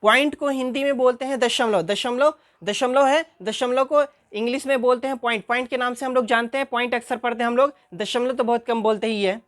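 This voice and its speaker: Female math teacher, higher-pitched, patient classroom explainer with a repetitive question-and-answer delivery. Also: fairly even intonation, a little fast, few pauses. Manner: asks questions and answers them herself, repeats key terms.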